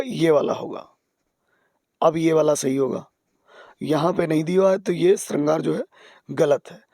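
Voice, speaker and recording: A man teaching exam spelling, patient, repeating key words and dropping to soft asides. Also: a little high, gravelly, dry recording, clean studio sound. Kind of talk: explaining spelling on screen.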